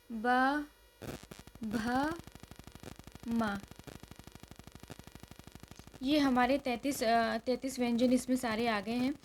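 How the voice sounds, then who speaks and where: A woman's voice: sits high, a little hiss or hum. A woman teacher giving an exam revision lesson, repeating each rule and quizzing her listeners. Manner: repeats rules and asks questions to the class.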